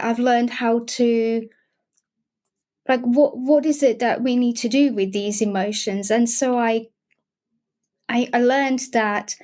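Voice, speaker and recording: A woman's voice: fairly high pitch, a little mellow. A young adult woman with a Slovak accent, speaking in a casual interview as a wellbeing guest, hesitant with many restarts. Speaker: guest, emotional wellbeing facilitator.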